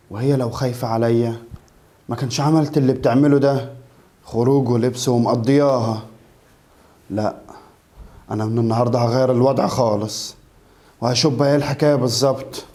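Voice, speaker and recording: A man's voice: medium pitch, mellow, close to an everyday voice. A man with an Egyptian accent playing a young husband who gives in to his mother. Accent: Egyptian Arabic.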